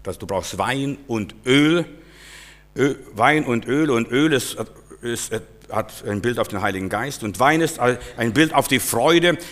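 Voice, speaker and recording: A preacher delivers an impassioned sermon, his voice bright and forceful. He rises into loud, emphatic bursts and then drops to near-hushed lines, pressing his points on the listener directly. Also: medium pitch, lively intonation, a little slow.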